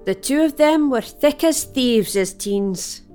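A woman's voice: high voice, animated, takes it slowly, dark tone, smooth, faint music behind. A middle-aged woman with a broad Scottish accent playing a wry, teasing, motherly villager in an audio drama. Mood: wry, reassuring. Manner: dry, teasing, matter-of-fact.

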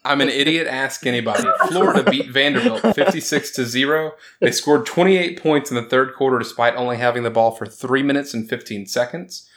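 A man's voice: mid-range voice, a bit bright. Wry man reading sports scores. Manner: quick, joking, laughs often, reads scores with sarcasm. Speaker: podcast host. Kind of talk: casual sports chat.

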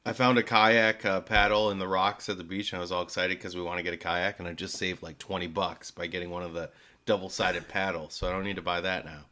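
A man's voice: sits low, little pitch movement, quick pace, bright, forceful tone. A man telling casual anecdotes as a podcast co-host.

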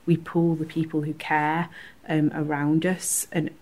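A woman's voice: low-pitched, flat delivery, measured pace, darkish tone. A woman, a community organiser talking earnestly and with enthusiasm as a guest on a podcast interview. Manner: earnest and enthusiastic, laughs easily.

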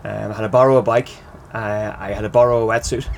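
A man's voice: on the low side, steady tone, fast, vocal fry. A man with an Irish accent chatting casually as an interview guest, recorded in the back of a van in a car park. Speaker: interview guest, triathlete and coach. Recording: background noise in a parked van.

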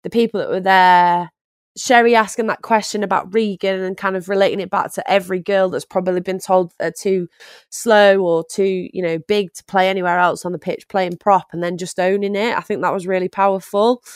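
A woman's voice: medium pitch, steady tone, brisk, clear, resonant tone, dry recording, clean studio sound. Blunt, chatty podcast woman, closely miked. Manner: blunt, sweary banter. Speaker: podcast co-host. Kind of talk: casual chat, telling anecdotes.

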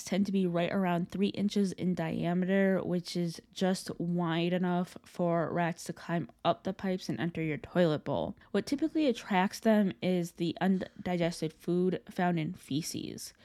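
A woman's voice: on the low side, warm tone. A young adult woman telling urban legends as a podcast host in a casual, conversational way with informal asides.

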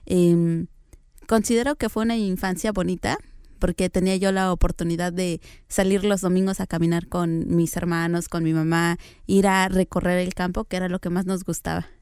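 Soft-spoken young woman from Oaxaca. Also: lowish voice, level tone, moderate pace, smooth, no room sound, studio quality. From Oaxaca, Mexico. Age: young adult. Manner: soft-spoken, hesitant fillers, light laughs. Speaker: interview guest. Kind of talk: relaxed interview conversation.

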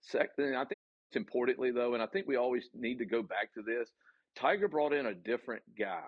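A man with a Southern US accent, a college golf coach answering interview questions in an earnest, halting way with many ums and restarts. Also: mid-range voice, slightly rough, no echo, muffled recording.

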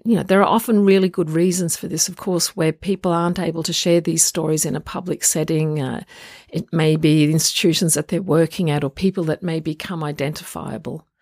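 A woman hosting a solo podcast in an informal, reflective and earnest way, her voice croaky from getting over the flu. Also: lowish voice, darkish tone, no room sound, clean studio sound. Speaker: podcast host.

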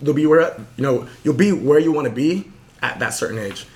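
This young podcast host has a fairly high, expressive voice with a darkish tone. Speaking quickly and earnestly, he shares a motivational story casually, leaning heavily on fillers.

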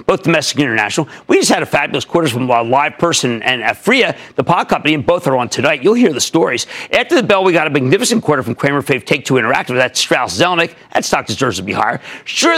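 Man, middle-aged, markets show host, emphatic, lively swooping pitch, rather high voice. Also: slightly rough. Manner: emphatic, excitable, swings between loud bursts and low asides. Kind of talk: energetic market commentary and call-in.

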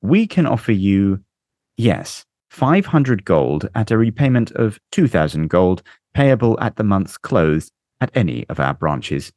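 A man reading a story aloud, voicing a smooth, silky male banker who talks with polite, quiet menace. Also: fairly low pitch, big pitch swings, measured pace, dry recording, clean studio sound.

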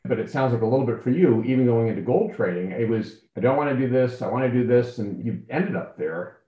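A man's voice: medium pitch, lively intonation, fast. Male interview host, roomy dull sound. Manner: encouraging, asks follow-up questions. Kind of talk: conversational interview.

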